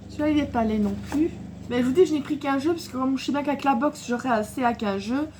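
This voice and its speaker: A woman's voice: sits high, fast, mellow, slight background noise. A woman vlogging casually to camera about her craft haul, rambling and chatty, with many fillers, restarts and frequent laughs. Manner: laughs often while talking.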